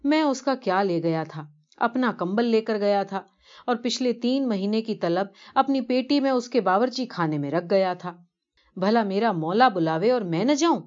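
A woman's voice: mid-range voice, animated, darkish tone, close to an everyday voice. A woman voicing a poor, devout elderly man who earnestly tells of his pilgrimage in a story reading, on a dull lo-fi recording. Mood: humble, earnest.

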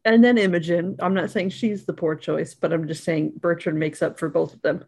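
A woman co-hosting a podcast, chatting casually about a tabletop game show and acting out the players in high voices. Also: fairly even intonation, normal speed, creaky, a little mellow, slightly rough. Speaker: podcast co-host. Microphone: podcast mic.

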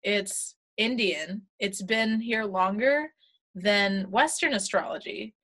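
A woman's voice: medium pitch, slow pace, a bit bright. A woman co-hosting a casual talk show, laughing often and swearing freely as she tells stories. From United States. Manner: laughs often, swears casually, acts out her own past remarks. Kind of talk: casual chat.

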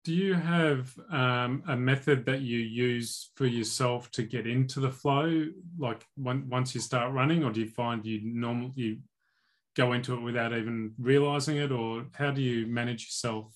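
A man's voice: medium pitch, fairly even intonation, moderate pace. A man from Australia, an interviewer who asks loose, rambling questions.

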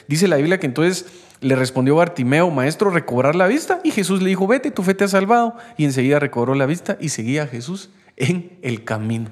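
A young man, talking animatedly about faith and acting out the voices he quotes. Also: a little high. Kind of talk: faith-based conversational talk.

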